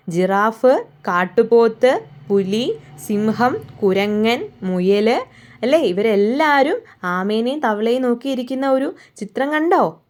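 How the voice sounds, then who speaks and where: A young woman teacher explaining a workbook story to small children, asking questions and answering them herself. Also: fairly high pitch.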